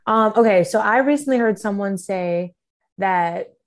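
A woman's voice: mid-range voice, measured pace. Upbeat curious lady co-host, casual chat.

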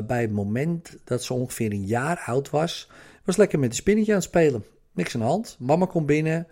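Male trainer, mid-pitched voice, chatty and explanatory, self-help talk. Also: mellow. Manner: conversational, explanatory, many fillers and rhetorical questions. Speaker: trainer or coach. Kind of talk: motivational monologue.

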